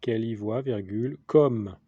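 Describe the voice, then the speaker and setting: A man dictating a text as a teacher, deliberately, in short repeated phrases with the punctuation spoken aloud. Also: fairly low pitch, mellow, no echo. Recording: dull lo-fi sound.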